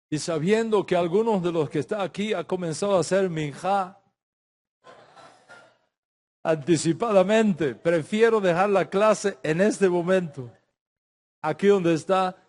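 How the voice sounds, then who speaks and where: A man's voice: high voice, a little mellow. A middle-aged man teaching a religious class, emphatic, repeating phrases and restarting his sentences. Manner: speaks in Spanish with Hebrew religious terms.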